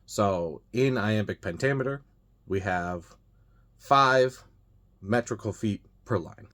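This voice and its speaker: A man's voice: fairly low pitch, slow pace, a bit bright. A man casually explaining poetry terms to viewers, talking off the cuff with frequent fillers and restarts. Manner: loose and unscripted, frequent uh and you know, restarts. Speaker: host of a reading channel.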